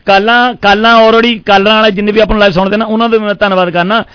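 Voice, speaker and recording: High-pitched effusive Punjabi radio host, male. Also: level tone, fast, fairly bright tone, smooth, no echo. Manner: effusive, repeats phrases. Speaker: radio call-in show host. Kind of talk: live music request show chat with sponsor reads.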